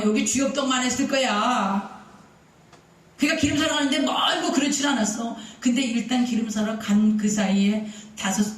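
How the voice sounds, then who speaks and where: A woman pastor preaching a sermon in a chatty way, firing rhetorical questions at the congregation and acting out quoted speech. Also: fairly high pitch. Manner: acts out quoted speech, at times shouting. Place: church sanctuary. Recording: echoey hall from far off.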